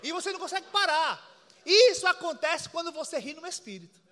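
A man preaching a lively sermon, animated and playful, demonstrating on people and mimicking laughter. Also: very high voice, fairly quick, big-room sound.

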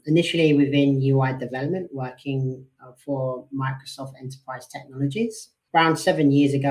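A man's voice: medium pitch, darkish tone, rough recording. A man with a London British accent with a tinge of Australian, chatting casually as a podcast co-host. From London, England.

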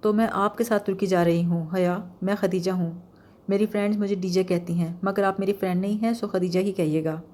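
A woman's voice: mid-range voice, steady tone, warm tone, natural voice. A woman reading the lines of a haughty, curt young female student in an audiobook. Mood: snooty. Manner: curt and snooty.

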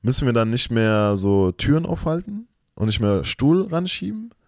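A young man co-hosting a podcast in a relaxed, rambling way, mixing English slang into his German. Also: medium pitch, normal speed, no room sound, clean studio sound. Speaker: podcast co-host. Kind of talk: casual chat.

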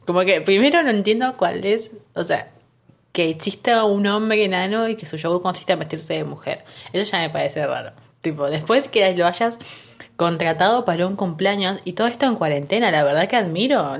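Young argentine woman, lowish voice, dry slangy casual chat. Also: brisk, vocal fry. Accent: Argentine Rioplatense. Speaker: podcast co-host.

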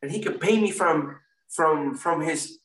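A man from Puerto Rico who grew up in Florida, appearing as a guest and First Amendment auditor, chats casually in an interview. His voice is high and bright, his pace measured, and he rambles, repeating himself and restarting sentences often. He sits some distance from the mic in a strongly echoing room.

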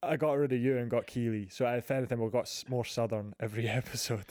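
Male podcast host, Scottish accent, medium pitch, dry room-free sound. Casual, teasing delivery. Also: fairly even intonation, fast, darkish tone, no room sound. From Scotland. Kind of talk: casual banter. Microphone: remote recording from a separate room.

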